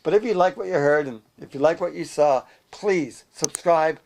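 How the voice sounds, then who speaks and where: A man co-hosting a comic animal news show, delivering jokes deadpan. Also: on the high side, moderate pace, vocal fry, a little hiss or hum. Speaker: co-host. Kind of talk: joking news banter.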